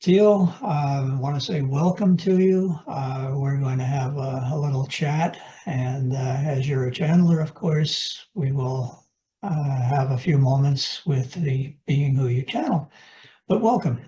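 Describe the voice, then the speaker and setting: A man hosting an interview, welcoming his guest and asking polite, measured questions with a few fillers. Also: mid-range voice, mellow, low-quality recording. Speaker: interview host.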